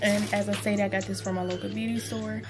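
A woman's voice: medium pitch, level tone, fast, loud music behind the voice. A young woman giving a casual, rambling product review in a small room, talking with a sore, stitched mouth after having teeth pulled. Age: young adult. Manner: informal, rambling. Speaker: beauty vlogger. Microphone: phone propped at arm's length.

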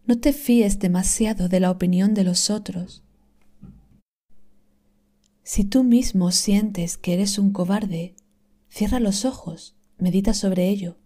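Soft-spoken woman reading slowly, mellow tone. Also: mid-range voice, steady tone. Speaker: reader of inspirational texts. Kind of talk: calm scripted reading.

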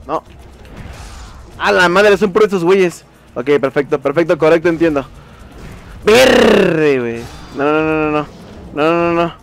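A young man with a Mexican accent giving casual commentary while playing a video game, swearing and shouting in frustration. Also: fairly high pitch, vocal fry. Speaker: gameplay streamer. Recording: faint game music behind.

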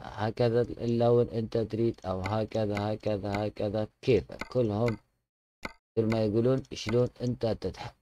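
A man's voice: fairly low pitch, darkish tone, slight background noise. A man with an Iraqi Arabic accent giving casual game tutorial commentary, chatty and fond with viewers, often restarting his words. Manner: chatty, addresses viewers fondly, frequent restarts. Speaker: gaming channel host showing a truck mod.

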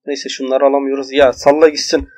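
A young man giving excited let's-play commentary, shouting exclamations and cursing at enemies as he plays. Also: medium pitch, brisk. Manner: loud exclamations and swearing at enemies. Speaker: gaming YouTuber.

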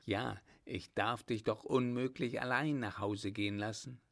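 A man's voice: lowish voice, steady tone, a little slow, creaky. A man voicing a brave, ardent young male lieutenant with a firm, earnest manner. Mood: resolute.

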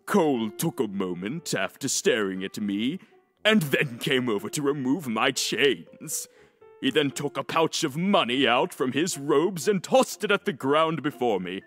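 A man narrates a first-person fantasy audiobook at a middle pitch. He is expressive and slips into smug asides. A long reverb hangs on his voice, with faint music behind. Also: a little slow.

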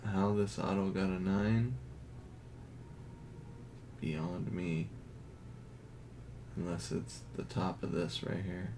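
A card collector narrates a casual unboxing slowly in a low, low-key voice, reading out card grades as a flat list. There's audible background noise in the recording.

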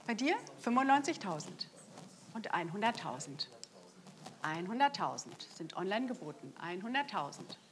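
A woman's voice: mid-range voice, sing-song, moderate pace, a bit bright, slight background noise. A middle-aged woman working as an auctioneer, calling out bids live and repeating the figures with emphatic stresses. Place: indoor saleroom at a lectern. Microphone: lapel microphone.

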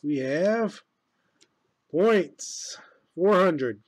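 Man, card-break host, announces each pull in a slow, loud build between casual laughing asides, fairly high voice. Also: animated, dry recording, rough recording. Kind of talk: live card-break commentary.

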